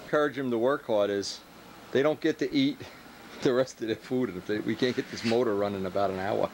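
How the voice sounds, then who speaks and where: A man talks casually through hands-on workshop jobs, giving instructions mixed with teasing banter. His pitch is average, and a faint layer of workshop noise sits behind him. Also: a little fast. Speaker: host, model plane builder directing helpers.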